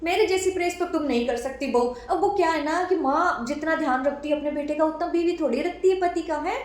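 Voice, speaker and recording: A woman's voice: high-pitched, a little fast, reverberant, close to an everyday voice. A woman playing a nagging middle-aged mother-in-law in a comedy sketch, who scolds her daughter-in-law and brags about caring for her son. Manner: scolding, self-praising, keeps prodding with "हैं?".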